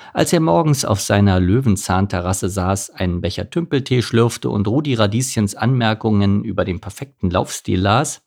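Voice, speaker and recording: Man, children's story narration, husky, gravelly, playful. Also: fairly low pitch, darkish tone. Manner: playful, addresses listeners directly. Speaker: audiobook narrator.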